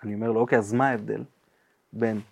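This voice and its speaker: A man appearing as a guest on a podcast, explaining body language with lively acted-out examples and sound effects. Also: fairly low pitch, vocal fry, breathy edge. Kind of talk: podcast interview chat.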